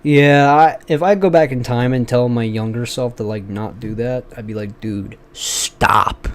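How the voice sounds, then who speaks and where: A man's voice: medium pitch, steady tone, moderate pace, a little mellow. Young man rambling on a casual podcast. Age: 20s. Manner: rambling, profane, many fillers and restarts. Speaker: podcast host. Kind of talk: casual chat.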